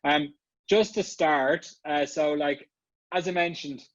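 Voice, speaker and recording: Speaking slowly in a fairly high pitch, this Irish man is a guest speaker and marketing executive at a casual online summit. The dry, muffled video-call recording captures his chatty talk, packed with fillers and restarts.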